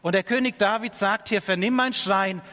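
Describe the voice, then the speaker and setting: A middle-aged man preaching a sermon. He speaks earnestly, slows down to stress his points and lifts his voice when quoting scripture. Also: high voice, pushed and bright. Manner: earnest, slows down for emphasis, quotes scripture with rising voice. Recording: long hall reverb.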